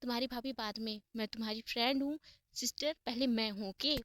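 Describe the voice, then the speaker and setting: A woman's voice: a little high, steady tone, fairly quick, fairly bright tone, no room sound, studio quality, close to an everyday voice. A woman voicing an anxious young woman who bickers and whines in a spoken love story. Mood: bickering.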